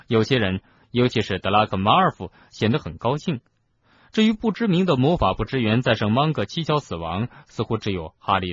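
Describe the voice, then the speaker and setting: A man with a husky voice reading a novel aloud as a radio storyteller, steady and expressive. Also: on the low side. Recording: dull lo-fi radio recording.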